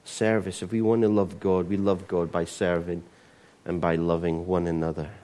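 A middle-aged Scottish pastor delivers a sermon in a low, warm voice. His speech is conversational and loose, full of restarts and repeated words. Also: little pitch movement, moderate pace.

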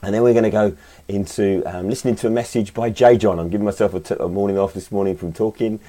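A man with a croaky, slightly hoarse voice from a cold, speaking as a pastor in an informal, conversational sermon style with hesitations and tag questions. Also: lowish voice, steady tone, fast, dark tone. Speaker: pastor leading an online Sunday service. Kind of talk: informal sermon and worship welcome.

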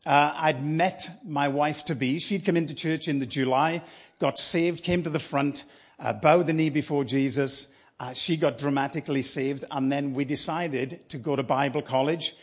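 A man in his fifties with a South Welsh accent, giving a sermon live in church as a guest preacher, telling his story with lively enthusiasm. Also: a little high, slightly rough. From South Wales. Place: church sanctuary.

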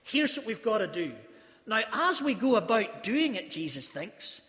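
A man preaches a sermon, earnest and emphatic, leaning into his stories. His voice sits high and bright. The church around him rings with a long echo. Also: very animated, normal speed. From South Africa. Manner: earnest, storytelling, emphatic phrasing.

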